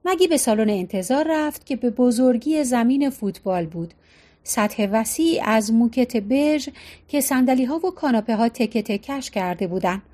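A woman narrating a novel as an audiobook, in a high voice. She tells the story in a steady, even manner.

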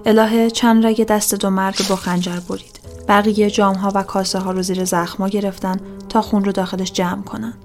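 A woman telling a true-crime story in a steady, dramatic narration. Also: medium pitch, hardly any pauses, soft background music.

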